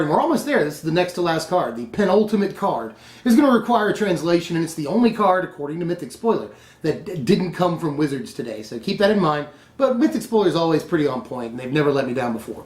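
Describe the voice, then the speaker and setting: A man with a fairly high voice chats casually through a card-spoiler review and laughs at himself often. The room around him rings with echo. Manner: chatty, laughs often, self-correcting. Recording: echoey room.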